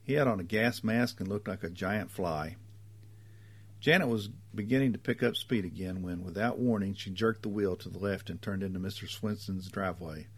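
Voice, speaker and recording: A man narrating a story in a measured, even reading voice. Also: lowish voice, slightly rough, no room sound.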